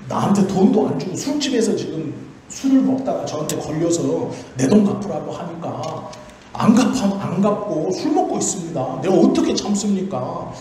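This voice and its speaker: A man putting on an aggrieved man who struck his debtor, complaining, justifying himself, mellow tone, echoey hall. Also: on the high side, lively intonation, normal speed, far from the mic, a little hiss or hum, lightly acted.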